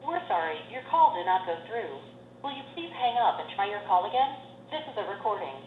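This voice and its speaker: A woman's voice: medium pitch, sing-song, brisk. A woman's recorded phone message, playing through a speakerphone as a polite, formal, scripted announcement. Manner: polite, formal, repetitive phrasing. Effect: recorded phone message over speakerphone. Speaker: automated phone operator message. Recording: tinny speakerphone line in echoey room with faint hiss.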